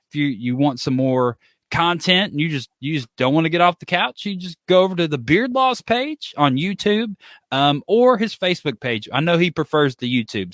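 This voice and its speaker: A man hosts a casual podcast in a high, lively voice that swings up and down. He is teasing and exclamatory, with a bright, forceful tone and a close, dry sound. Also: no room sound. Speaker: podcast host. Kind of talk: casual, joking podcast chat.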